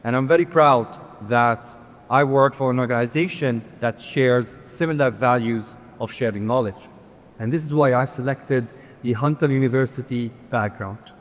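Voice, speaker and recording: A conference speaker with a mid-range voice and moderate pace presents earnestly, adding a bit of light humor and requesting the next slides. The large hall gives the recording a long reverb.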